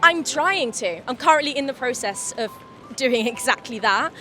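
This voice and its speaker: A young woman in her early twenties, answering questions in a street interview. She talks hesitantly, with plenty of fillers. Her voice sits a little high, and music plays clearly behind her. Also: animated, moderate pace, pushed and bright. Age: young adult.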